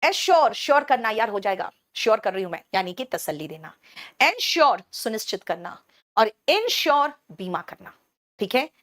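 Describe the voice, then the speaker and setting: A woman from Bihar teaching English words in a live online class, briskly and in a motherly way, switching to English terms and answering students' questions as she goes. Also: on the high side, sing-song, fairly bright tone, dry recording, clean studio sound. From Bihar, India. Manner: explains English words in Hindi, switching between the two.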